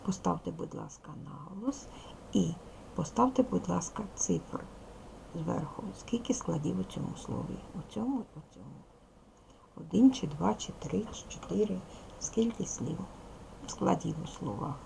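A woman's voice: lowish voice, expressive, normal speed, vocal fry, dark tone, slight background noise, rough recording. A woman teaching a recorded lesson to young children, patiently asking questions, praising answers and reading a poem aloud. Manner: reads a poem aloud expressively. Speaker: primary school teacher.

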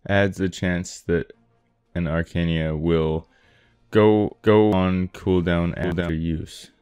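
Man, very deep voice, dry close sound, casual game commentator who reads menus aloud haltingly. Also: fairly even intonation, darkish tone, clean tone, no room sound, faint music behind. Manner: reads item text aloud, stumbling over words. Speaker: gameplay co-host. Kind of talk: casual let's-play commentary.

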